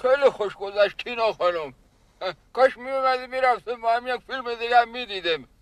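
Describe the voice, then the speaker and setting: A male actor in a sitcom voices a caretaker infatuated with a young woman: boastful, doting, flowery about love, and fond of calling people "baba jan." His very high-pitched voice is fairly bright, with no echo but poor audio quality.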